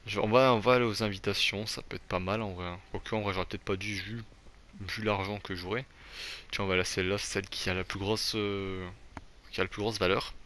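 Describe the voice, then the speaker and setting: A man's voice: low-pitched, pushed and bright. A young man giving casual, rambling commentary on a football manager game, full of fillers and restarts. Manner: self-deprecating about his English accent. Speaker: gaming YouTuber.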